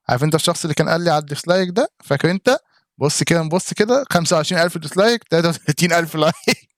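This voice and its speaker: A man's voice: fairly high pitch, no room sound, studio quality. A man with an Egyptian Arabic accent giving casual reaction commentary on a gaming live stream, chatting straight to viewers in chat by name.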